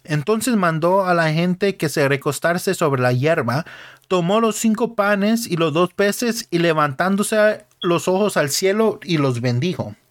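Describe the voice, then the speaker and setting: A man's voice: high voice, expressive, a little slow. A man hosting a podcast, retelling Bible stories simply and earnestly, sometimes stopping to correct a word. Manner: plain, earnest, with small self-corrections. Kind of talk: simple Bible story narration.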